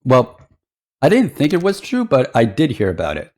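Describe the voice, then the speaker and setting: A man's voice: medium pitch, huge pitch swings, normal speed, a little mellow. A man giving casual reaction commentary as a streamer, in a hesitant, rambling way. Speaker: VTuber streamer.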